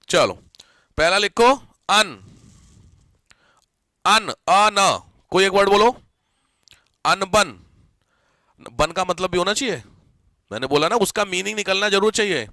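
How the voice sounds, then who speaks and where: High, bright-voiced man teaching grammar. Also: no room sound. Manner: keeps checking if students follow, mixes English words into Hindi; repeats key words slowly for dictation. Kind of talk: live classroom lesson.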